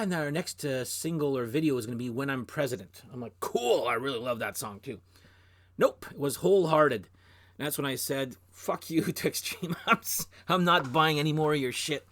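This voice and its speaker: A man with a Canadian French accent hosting a music show, chatting casually and bluntly, with rambling asides and swearing. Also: mid-range voice. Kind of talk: casual opinionated chat.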